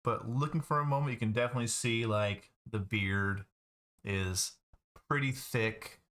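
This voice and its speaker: A man narrating a tabletop game as game master, describing scenes in a relaxed, drawn-out way. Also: fairly low pitch.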